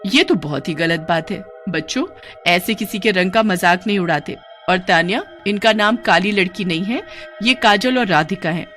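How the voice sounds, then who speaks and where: Strict but fair teacher, woman voices her, firm and clear. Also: mid-range voice, moderate pace, a bit bright, faint music behind, lightly acted. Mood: stern. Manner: stern, scolding then instructive.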